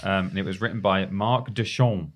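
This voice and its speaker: Low-voiced man reading news aloud. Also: normal speed. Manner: reads news aloud with asides. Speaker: podcast co-host. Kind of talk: casual chat.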